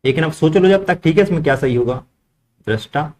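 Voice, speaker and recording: A man's voice: a little high, animated, fairly quick, darkish tone. A man teaching a grammar lesson to a class, asking the students questions and repeating their answers back. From India.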